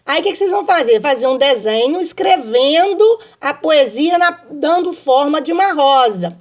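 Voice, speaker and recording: A woman's voice: sits high, expressive, normal speed. A woman teaching a remote lesson to young children, in a patient sing-song manner, checking often that they follow. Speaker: primary school teacher.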